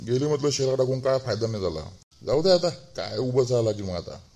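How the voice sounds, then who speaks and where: A man's voice: medium pitch, expressive, fast, creaky, darkish tone. A man voicing a fussy, self-righteous village man in a cartoon, with a Vidarbha Marathi accent, rambling and grumbling to himself. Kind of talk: cartoon voice acting.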